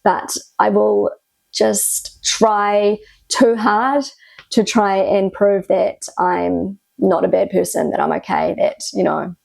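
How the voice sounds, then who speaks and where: Talking casually to camera, a vlogger from New Zealand speaks earnestly in her native English and Kiwi accent, adding reflective "you know" asides. Her medium-pitched voice is mellow with vocal fry, in a dry recording.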